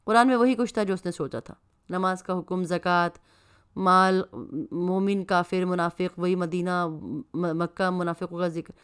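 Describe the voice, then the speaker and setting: A woman reading a novel aloud in steady, measured audiobook narration. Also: lowish voice, clean tone. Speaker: novel reader.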